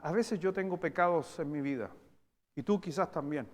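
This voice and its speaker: Preaching a sermon in a church hall, a high-voiced man with a Chilean Spanish accent swings from forceful, loud outbursts to slow, quiet emphasis. He's a pastor, and a long reverb trails his voice.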